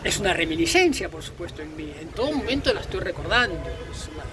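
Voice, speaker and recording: A Peruvian man with a Peruvian accent hosts a video, delivering an opinionated, informal monologue that is emphatic, repetitive and full of florid vocabulary. He talks fast in a high, sing-song voice over background noise.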